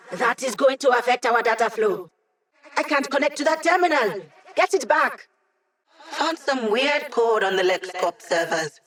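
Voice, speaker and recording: A woman's voice: mid-range voice, close to an everyday voice. A woman playing an upbeat, wry young female hacker living as data, giving casual, teasing mission support in a video game. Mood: urgent, encouraging. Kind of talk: video game voice lines over comms.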